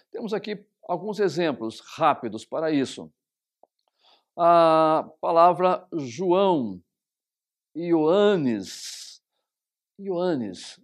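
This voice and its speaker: A man, a pastor teaching a recorded Bible study on biblical Greek. He explains patiently, repeats terms, and slows down to spell out Greek words. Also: medium pitch, a little mellow.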